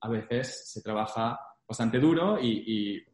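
A man's voice: mid-range voice, expressive, measured pace. A young man in a casual interview, recounting his career in Spanglish, dropping English business terms into his Spanish. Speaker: interview guest, former investment banking analyst. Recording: echoey room.

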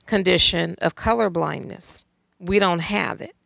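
A woman talks with emphatic, pointed conviction, pressing her points through rhetorical questions. Her voice is strongly gravelly and full of fry. The sound is close and dry, with no room around it. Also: on the low side, measured pace, a bit bright, dry recording. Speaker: guest speaker. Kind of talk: conversational talk on faith and society.

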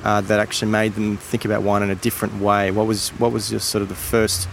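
A man hosting a podcast, asking questions in a halting, hesitant way. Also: lowish voice, level tone, vocal fry, a little hiss or hum. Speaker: podcast host. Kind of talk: interview questions.

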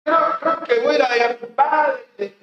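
A man with a Mexican accent voicing the prodigal son as a halting, hesitant young man. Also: very high voice, fairly even intonation, echoey room, dull audio, background noise, voice pushed up.

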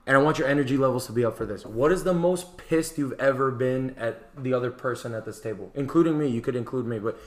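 Male podcast host, casual chat, halting delivery with restarts. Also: medium pitch, reverberant. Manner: halting, repeats and restarts words.

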